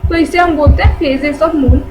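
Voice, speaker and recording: A woman's voice: high voice, steady tone, measured pace, poor audio. A woman teaching a general-knowledge lesson, who repeats key terms and asks and answers her own questions.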